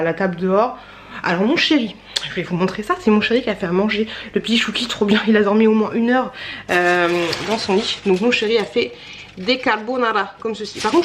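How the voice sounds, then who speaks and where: A young woman with a fairly high voice talks to her viewers in a chatty, playful home vlog, full of fillers and little asides. A faint background noise hums along behind her. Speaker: vlogger. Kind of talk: casual vlog chat. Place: at home, indoors and outdoors.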